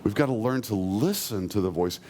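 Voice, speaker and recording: Male pastor, sermon delivery, low voice, earnest, faint rumble in the room. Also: lively intonation. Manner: earnest preaching, slows and softens when quoting God.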